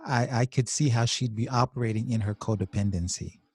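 A man co-hosting a podcast as a clinician, talking through ideas in a thoughtful, measured way with hesitant restarts. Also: mid-range voice, fairly even intonation, darkish tone, breathy edge, dry recording, clean studio sound. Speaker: podcast host, clinical social worker. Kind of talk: casual podcast discussion.

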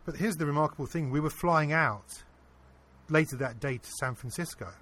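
Husky guy telling his story in an interview, earnest and animated. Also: fairly high pitch, moderate pace. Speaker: interview guest. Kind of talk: casual storytelling.

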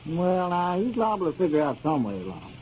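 A neighborly, cautious rural Southern American fellow for a vintage radio comedy. He is plainspoken and a little high in pitch. The sound is muffled with faint noise. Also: very animated, brisk, a little mellow. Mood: cautioning. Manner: homespun dialect, plainspoken. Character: neighborly country man, cautious advice-giver. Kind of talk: 1930s radio comedy serial acting. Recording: dull, faintly noisy old radio recording.

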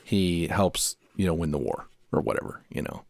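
Low, lively man rambling about films. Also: moderate pace, creaky, no room sound, clean studio sound. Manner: rambling, many restarts and fillers, animated. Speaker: podcast co-host. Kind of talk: casual film review chat.

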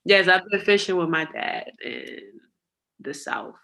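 Woman, from Connecticut, athlete guest, slow easygoing talk, bright tone. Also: on the low side. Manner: unhurried, easygoing answers. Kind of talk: casual interview.

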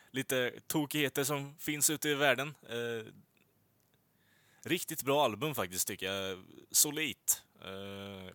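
Male co-host, rambling, hesitant, casual swearing, bright sharp tone. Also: lowish voice, dry recording. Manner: rambling, many filler sounds, swears casually. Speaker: podcast co-host reviewing films and music. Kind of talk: casual chat.

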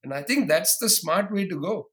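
Fast, emphatic man. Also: sits high, expressive, a bit bright. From India. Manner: rapid, emphatic, with sarcastic asides. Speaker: guest historian. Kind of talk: podcast interview.

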